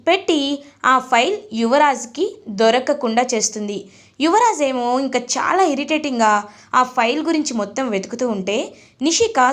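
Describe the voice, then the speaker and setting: A woman narrating a TV serial recap, telling the story in a lively way and mixing in English words. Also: fairly high pitch.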